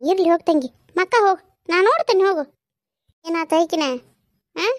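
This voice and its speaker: A woman's voice: very high voice, lively intonation, normal speed, no room sound, studio quality. A woman voicing a fretful village grandmother with a North Karnataka accent. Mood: fussing. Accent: North Karnataka Kannada. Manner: fussing, scolding, chatty. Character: fretful village grandmother, doting on crying baby. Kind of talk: cartoon voice acting.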